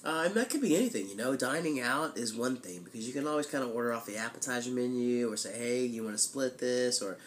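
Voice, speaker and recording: A man's voice: mid-range voice, expressive, quick pace, few pauses, a little hiss or hum. A man with a congested, blocked-nose voice from a head cold, like he has tissue up one nostril, chatting casually and loosely as a vlogger. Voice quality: stuffy, blocked-nose sound. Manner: conversational, loose, frequent "you know". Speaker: weekly vlogger. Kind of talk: casual chat to camera.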